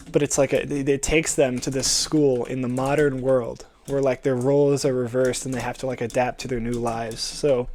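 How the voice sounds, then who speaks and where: A young man talks in a loose, rambling way at a middling pitch. His casual storytelling is full of slang and swearing, and he drifts into little acted-out bits of dialogue as he goes. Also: a little mellow. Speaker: storyteller pitching a movie idea.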